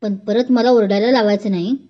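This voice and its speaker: A woman's voice: medium pitch, fairly even intonation, brisk, natural voice. A woman voicing a caring young male doctor. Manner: tender, mock-scolding. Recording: dull lo-fi recording.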